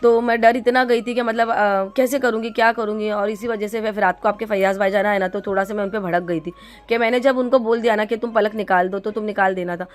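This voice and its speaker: A woman's voice: mid-range voice, steady tone, fairly quick. A middle-aged woman from India telling a vlog story to her viewers, chatty and rambling with lots of fillers and restarts. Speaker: vlogger.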